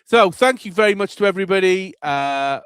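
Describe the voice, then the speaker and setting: A man's voice: high-pitched, expressive, fairly quick, fairly bright tone, clean tone, no echo. A man hosting a casual football podcast, rambling and chatty with lots of fillers. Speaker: podcast host.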